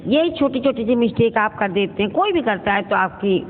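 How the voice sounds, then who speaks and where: A woman's voice: fairly high pitch, expressive. Woman teacher, tinny echoey recording. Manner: slow, careful, repeats each word to contrast wrong and right forms; addresses pupils fondly as children. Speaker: school teacher. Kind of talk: recorded online grammar lesson for children. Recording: tinny phone-like audio with long reverb and faint noise.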